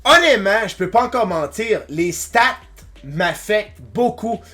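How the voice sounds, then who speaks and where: A young man with a Québécois accent talks in a casual reaction-video style, his voice pitched high and swinging widely. He drops English slang and swears freely. Faint music plays behind him. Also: animated, measured pace, pushed and bright. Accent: Québécois French. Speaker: streamer reacting to his podcast appearance.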